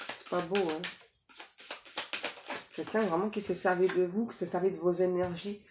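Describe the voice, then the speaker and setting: A woman's voice: on the low side, fairly even intonation, moderate pace. A woman giving a casual psychic reading to viewers, talking in a chatty way with many fillers and tag questions. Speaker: psychic reader. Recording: echoey room, faint noise.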